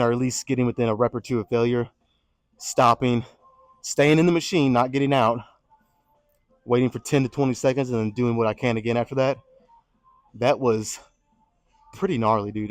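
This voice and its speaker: A man's voice: medium pitch, dry recording, studio quality. A man out of breath after a leg workout, talking loosely in a gym vlog and swearing casually. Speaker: fitness vlogger.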